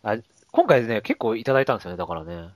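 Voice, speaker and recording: Male radio co-host, highly animated, polite playful banter, dry studio sound, faint music behind. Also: very fast, dry recording. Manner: polite speech, teasing, laughs often. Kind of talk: casual comedic banter.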